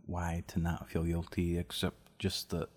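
A young man with a very deep voice speaks calmly and steadily. His manner is reassuring and unhurried in a relaxed talk between two people. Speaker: podcast co-host. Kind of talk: casual intimate conversation.

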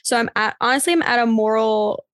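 A woman's voice: fairly high pitch, fairly even intonation, fairly quick, no echo, clean studio sound. A nineteen-year-old woman co-hosting a podcast, bubbly and joking in casual chat. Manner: bubbly, joking, filler-heavy. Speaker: podcast co-host.

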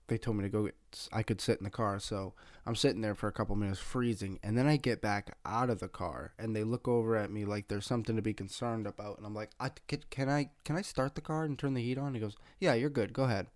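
Low-voiced man telling a story. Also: no echo, clean studio sound. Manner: swears freely, animated retelling with quoted dialogue. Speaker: podcast host. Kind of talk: casual storytelling.

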